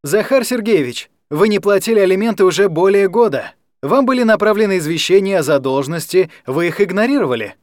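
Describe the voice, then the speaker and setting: A man's voice: high voice, expressive, a little fast, hardly any pauses, pitched above the performer's own voice. A man doing an officious female bailiff. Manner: formal, officious.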